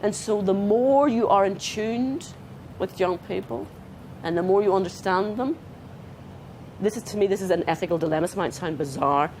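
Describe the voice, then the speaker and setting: An Australian woman giving a conference talk as a trauma therapist, animated and acting out dialogue with clients. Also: medium pitch, moderate pace, a little hiss or hum. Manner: animated, acts out client dialogue, talks with her hands. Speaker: trauma therapist presenting to counsellors. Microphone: not handheld, clip-on.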